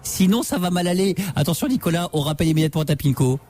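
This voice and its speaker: A man hosting a late-night call-in radio show, teasing callers in a fast, playful way. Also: fairly high pitch, animated, a little mellow, soft background music. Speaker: radio host.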